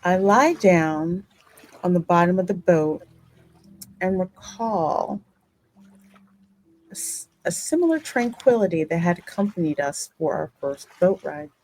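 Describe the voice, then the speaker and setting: A woman hosting a gaming channel stream reads the game's story aloud with expressive drama, tossing in casual exclamations and reactions. Her voice is on the low side, a little slow with frequent pauses, and the low-quality recording has game music playing behind her.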